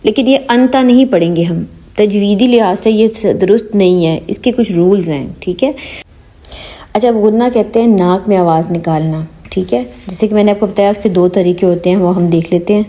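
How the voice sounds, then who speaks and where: A woman's voice: mid-range voice, dark tone. A woman teaching Quran reading in an online lesson, mixing English words into her Urdu and checking after each point whether the learner has understood.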